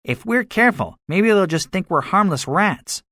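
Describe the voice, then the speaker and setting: Here the swaggering soldier, cynical, boastful and excitable with grand schemes, gets an exaggerated high-pitched voice, well above the actor's own, that sounds bright, forceful and animated. The man speaks emphatically at a moderate pace, his mood boastful and scheming. It's dramatized audiobook dialogue in clean, echo-free studio sound.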